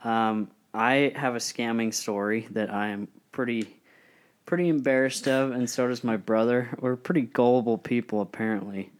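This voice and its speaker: A man's voice: medium pitch, moderate pace, smooth. A young man hosting a casual chat, telling a story about himself with a laughing, self-deprecating manner. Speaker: podcast co-host.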